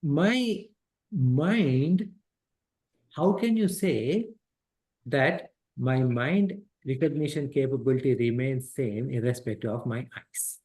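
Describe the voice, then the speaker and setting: Through a headset microphone, a middle-aged man with a mid-range, darkish voice teaches at a slow pace. His interactive scripture class moves step by step, with repeated points and quiz questions for the students.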